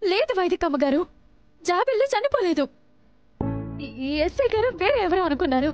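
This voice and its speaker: A woman's voice: very high-pitched, big pitch swings, brisk, muffled recording, over loud music. An actress playing a devoted young woman who insists and pleads earnestly, in a TV serial. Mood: insistent. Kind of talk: TV serial acting.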